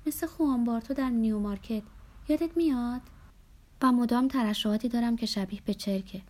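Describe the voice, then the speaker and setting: A woman reading a novel aloud gives a gravely ill woman a hushed, tearful, breaking voice. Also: fairly high pitch, pitched above the performer's own voice, natural voice. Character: frightened, gravely ill grown woman weeping at night. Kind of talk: audiobook character voice.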